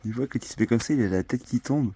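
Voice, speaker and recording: A man chatting casually for a vlog in a slangy, joking, expressive way. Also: medium pitch, quick pace, breathy edge. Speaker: vlogger living in a camper truck.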